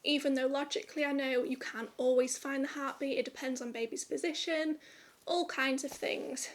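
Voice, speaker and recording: A woman's voice: high voice, fairly bright tone. A young woman vlogging to camera in a candid, rambling, chatty way. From United Kingdom. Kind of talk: casual chat to camera.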